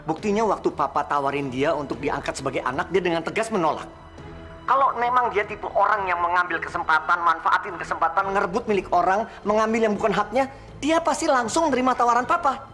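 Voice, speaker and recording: Dad calming everyone down, voice swings up and down a lot, keeps repeating himself, faint music. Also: male voice, sits high, fairly quick. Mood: reasoning. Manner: soothing, pleading, repeats himself. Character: middle-aged father calming his wife and daughter. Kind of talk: TV drama acting.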